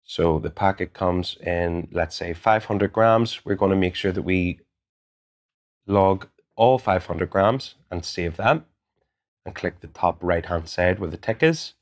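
Man, Northern Irish accent, thirties, lowish voice, methodical tutorial, lapel mic, gym studio. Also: unhurried. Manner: calm, methodical, instructive. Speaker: gym coach. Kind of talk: step-by-step app tutorial. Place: gym studio in front of a branded backdrop.

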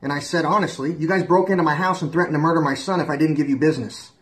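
A man in his thirties giving an absurd comedy monologue, moving from flat deadpan remarks to frantic screaming. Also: on the high side, rapid-fire. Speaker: comedic vlogger.

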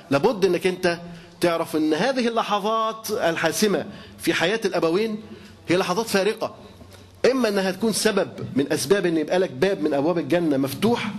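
A man's voice: high voice, slightly rough. A man with an Egyptian accent preaching a sermon, emphatic and repetitive, asking his listeners rhetorical questions. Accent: Egyptian Arabic.

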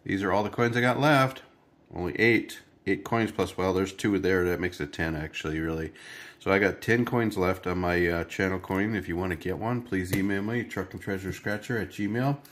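At his kitchen table, a man hosts a lottery scratch-off video, chatting and rambling to viewers as he scratches tickets, his nose stuffy and congested. His low voice has a fairly bright tone and a moderate pace.

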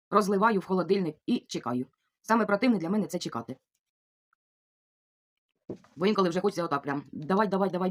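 A middle-aged woman from Ukraine chatting casually in a vlog, reading out viewer comments and thanking each one again and again. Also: on the low side. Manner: warm, chatty, repeats thanks over and over. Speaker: vlogger answering viewer comments. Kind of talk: casual chat.

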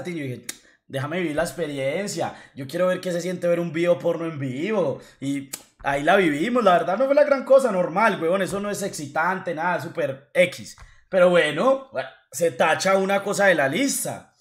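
A young man, chatting brashly on a stream with profane slang. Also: sits high. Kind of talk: casual stream chat.

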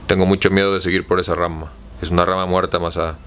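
A fearful, simple servant, read by a man with a Mexican accent in a deep voice that barely rises or falls. The lines come slow and plain. Faint noise sits behind him. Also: flat delivery, fairly bright tone. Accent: Mexican Spanish. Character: simple fearful male servant climbing a tree.

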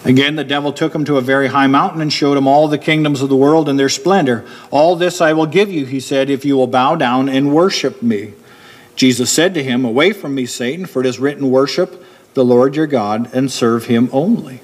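Through a pulpit microphone in a church hall, a middle-aged preacher with a mid-range voice lays out his sermon steadily and clearly. He slows down on purpose to stress the points that matter most, speaking from a wooden pulpit.

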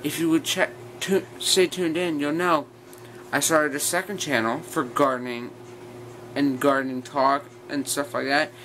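Bright-voiced young man talking through a retainer. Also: a little high, unhurried, poor audio. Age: teens to young adult. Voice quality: speech slightly slurred by a retainer in the mouth. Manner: rambling, blunt. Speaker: vlogger. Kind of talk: casual rant to viewers. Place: small bedroom, sitting on bed. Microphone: built-in device mic at arm's length. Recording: clear steady fan noise, bedroom ambience.

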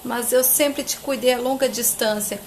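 A woman's voice: a little high, steady tone, moderate pace, slight background noise, natural voice. A woman voicing a remorseful mother who pleads with her grown son. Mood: pleading. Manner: pleading, subdued.

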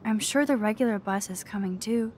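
An actress playing a calm, observant young woman, the lead of a video game. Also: a little high, normal speed, slight background noise, natural voice. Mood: reflective. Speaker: game protagonist.

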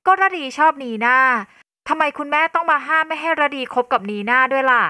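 A spoiled, defiant rich girl, as a woman narrator puts her on, her voice high and petulant. She snaps back in a bright, raised tone, recorded dry and close. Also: animated, fast talker, dry recording. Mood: indignant.

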